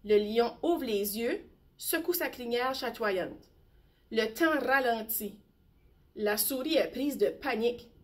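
A woman teacher reading a bedtime story aloud slowly and expressively. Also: fairly high pitch. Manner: slow, gentle, expressive.

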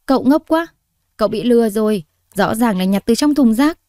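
A woman puts on a small sulky boy from a storybook, pitched high and pouty. He sounds fragile and quick to tears, and the warm voice lands close and dry. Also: lively intonation, dry recording, close to an everyday voice. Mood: scornful.

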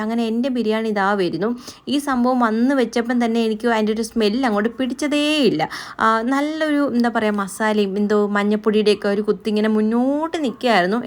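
Fast-talking chatty woman vlogger. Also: on the high side. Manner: chatty and storytelling, often adding a friendly "you know". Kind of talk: voice-over narration of a daily vlog.

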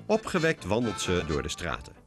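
A man narrates a cartoon in a storybook style. His voice sits low but moves expressively, and music plays under him throughout. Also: huge pitch swings, normal speed. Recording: music bed behind.

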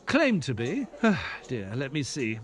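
Actor as Doctor Watson, animated narrator. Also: male voice, mid-range voice, takes it slowly. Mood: bemused. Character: Doctor Watson, measured British gentleman sidekick and narrator. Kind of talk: scripted audio drama narration. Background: music.

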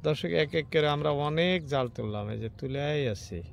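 A man talks casually to his viewers from a small boat out on a broad river, pointing things out as he goes. His voice sits a little high for a man. Faint wind and water noise run under the handheld recording. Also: lively intonation, fairly quick, vocal fry. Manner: addresses viewers often, points things out as they happen. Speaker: fishing vlogger filming from a boat. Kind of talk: casual live commentary to viewers. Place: small wooden boat on a wide river, outdoors.

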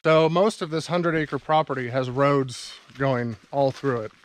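A man narrates in a relaxed, explanatory way as he walks along a woodland road, his voice at a middling pitch. A faint wash of outdoor noise sits behind him. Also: measured pace. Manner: relaxed, explanatory, walking and talking. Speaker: vlogger, farm owner. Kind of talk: casual narration to camera. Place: outdoors in rural woods.

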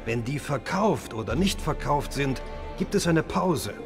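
A man's voice: on the high side, expressive, unhurried, music in the background. An actor playing a sly, jovial older man in a fantasy game, chummy and wry.

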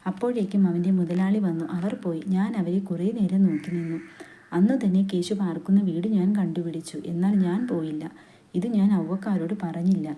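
A woman reading a literary story aloud in a steady, unhurried narrating voice, with dialogue quoted along the way. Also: lowish voice. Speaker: story reader.

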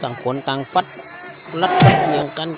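A man giving excited, exclamatory boxing commentary as a Muay Thai fight commentator. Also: a little fast. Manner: exclamatory, reacts to each strike with repeated interjections. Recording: loud music and crowd noise behind. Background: loud music and crowd.

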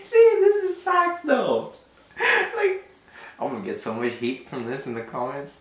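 Animated young man trying not to laugh, distant mic. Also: mid-range voice, unhurried, roomy sound. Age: 20s. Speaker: reaction video co-host. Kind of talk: casual chat reacting to videos. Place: living room couch, indoors. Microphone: camera a few steps away.

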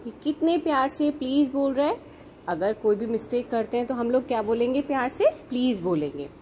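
A young woman teaching a kindergarten class, asking simple questions in a slow, sing-song teacherly way and mixing in English words. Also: fairly high pitch, a little mellow, a little hiss or hum. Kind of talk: online class lesson for young children.

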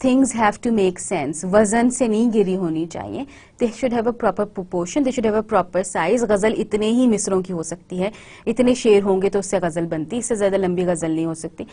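Her voice is medium in pitch and dark in tone as this woman lectures to a university class on a recording. She code-switches between Hindi-Urdu, spoken in rapid runs, and English, delivered slowly and deliberately, stopping often to confirm the class understands.

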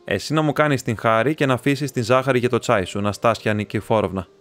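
A man's voice: medium pitch, a bit bright, soft background music, close to an everyday voice. A man reading the part of a brooding, poor young male student who speaks tersely and bitterly.

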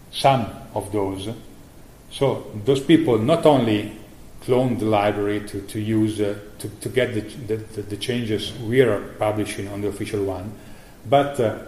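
A middle-aged man giving a conference keynote about software he maintains, speaking haltingly with many fillers and restarts. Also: on the low side. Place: conference hall. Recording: echoey room with faint noise.

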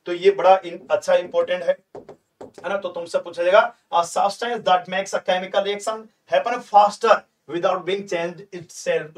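Online tutor, male, high-pitched, chatty and repetitive, mic slightly distant. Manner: chatty, coaxing, repeats himself, asks students questions. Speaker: teacher. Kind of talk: live online exam-prep lesson.

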